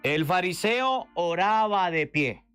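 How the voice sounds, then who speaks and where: Male radio priest, lively sermon, plays the complainers in a raised voice, high-pitched. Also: slow, clean tone, dry recording, faint music behind. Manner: lively preaching, acts out whining prayers in a raised voice.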